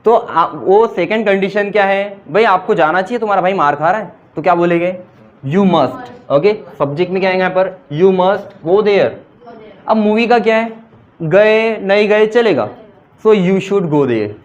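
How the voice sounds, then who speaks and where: A man's voice: high voice, normal speed, muffled recording. A man teaching an English grammar class, mixing Hindi explanations with English example sentences and quizzing his students as he goes.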